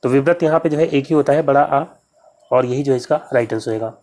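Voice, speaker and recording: Speaking fast in a medium-pitched, slightly mellow voice, a man explains quiz answers one step at a time. He keeps repeating key words and addresses viewers as his friends.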